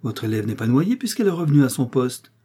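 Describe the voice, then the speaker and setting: A man's voice: medium pitch, sing-song, quick pace, dark tone, husky. A man reading aloud and voicing a male pharmacy customer who talks in an offhand, chatty way.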